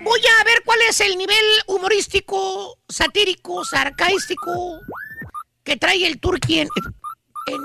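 A man's voice: very high-pitched, sing-song, measured pace, creaky, music in the background. A man with a Mexican accent hosting a radio comedy show, joking and bossing his co-hosts around in playful banter.

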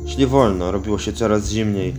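A man narrating a scripted story in an even, measured reading. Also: lowish voice. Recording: music underneath.

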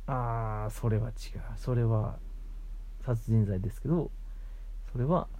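A man with a gravelly, husky voice hosts a casual late-night chat, explaining things patiently in short, broken phrases, on a muffled recording. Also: mid-range voice, unhurried, mellow. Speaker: host of a bedtime radio show for a housemate.

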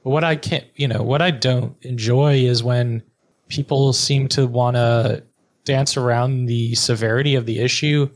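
This podcast guest is a middle-aged therapist and entrepreneur who speaks bluntly and frankly, dropping an occasional swear word in a conversational interview. His voice sits at medium pitch, with fairly even intonation and a measured pace.

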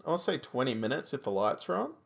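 A man's voice: mid-range voice, very animated, fast talker, gravelly. An Australian man co-hosting a podcast, chatting casually and telling anecdotes. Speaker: podcast co-host.

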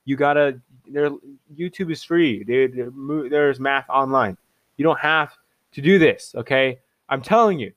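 Young man, casual reaction commentary, mocking, excitable, dry close sound, mid-pitched voice. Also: measured pace, no room sound. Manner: excitable and mocking, laughing, voice jumping up in disbelief. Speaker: online commentator.

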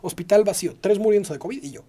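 A man in his thirties with a Mexican Spanish accent, telling a story to a friend. His voice is dark and mellow, and he acts out every line of dialogue, jumping into sudden high-pitched shouts. He swears freely and keeps the telling lively. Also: fast talker. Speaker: guest telling a personal story. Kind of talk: casual conversational storytelling.

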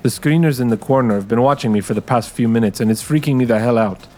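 Speaking fast in a medium-pitched, darkish voice with faint music in the background, a man performs first-person audio fiction. His character is a wary, streetwise male ex-con navigating a tech dystopia.

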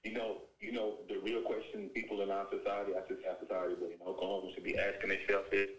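A man's voice: sits low, level tone, fast, a bit bright, husky, low-quality recording. A man calling in from a prison phone, speaking fervently and often saying "you know what I'm saying". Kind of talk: impassioned phone call. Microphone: prison phone line.

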